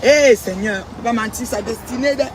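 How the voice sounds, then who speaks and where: A woman's voice: on the high side, brisk. A woman records a casual vlog monologue outdoors as a social media commentator. She talks emphatically and repeats her points over and over, calling her listeners "maman." Faint traffic noise sits in the background. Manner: emphatic, repetitive, keeps addressing listeners as "maman".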